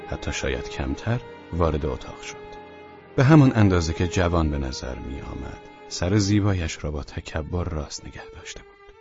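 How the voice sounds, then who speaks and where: A man narrating an audiobook in a calm, even storytelling manner. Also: low-pitched, husky, dry recording, dull audio.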